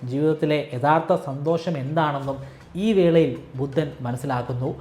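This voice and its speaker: A man narrating a history explainer, telling the story in a measured way and voicing the questions of the people in it. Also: a little high, fairly even intonation, darkish tone, echoey room, a little hiss or hum. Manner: storytelling, acts out quoted questions. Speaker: educational narrator.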